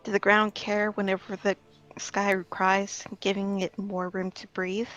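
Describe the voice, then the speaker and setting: A woman playing a gentle, earnest fae-touched woman in a tabletop game, speaking in measured, philosophical riddles. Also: medium pitch, level tone, lo-fi sound, faint music behind, close to an everyday voice. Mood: earnest, reflective.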